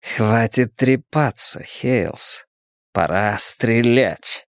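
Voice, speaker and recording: A man voicing a cold, calculating young male gang leader who speaks slowly and with quiet menace. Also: mid-range voice, creaky, no echo, clean studio sound. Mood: coolly menacing. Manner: slow, measured, quietly menacing.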